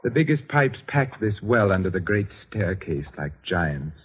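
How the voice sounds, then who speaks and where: A sinister gloating organist. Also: male voice, lowish voice, sing-song, a little slow, exaggerated voice. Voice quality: smooth, gloating, menacing. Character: murderous male organist, calm and sinister. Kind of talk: 1940s radio acting. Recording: dull old radio recording with music.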